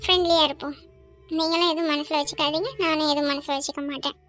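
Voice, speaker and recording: A woman voicing a lively young woman in a cartoon who has turned quiet and apologetic, speaking softly and earnestly. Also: sits high, quick pace. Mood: subdued, earnest. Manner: soft, earnest, self-blaming. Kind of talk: cartoon voice acting. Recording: dull lo-fi audio with music bed.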